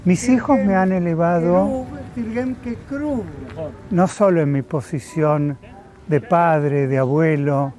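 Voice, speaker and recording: A man, speaking slowly and thoughtfully about his life, often pausing with filler sounds. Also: on the high side, crowd noise. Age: 70s. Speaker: interviewee. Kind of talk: reflective personal testimony.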